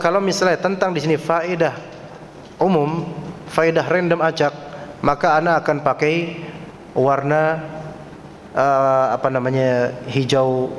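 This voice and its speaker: A man preaching at a study lecture in a mosque, lively and joking with the audience, sighing in dismay at times. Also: on the high side. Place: mosque hall. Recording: echoey hall, faint background noise.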